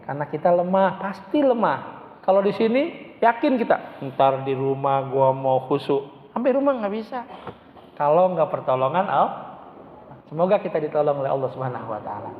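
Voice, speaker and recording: A male Islamic preacher, giving an animated sermon in casual speech and speaking straight to the congregation in a mosque hall. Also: mid-range voice. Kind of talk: mosque study-session sermon. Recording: echoey hall, tinny phone-like sound, faint noise.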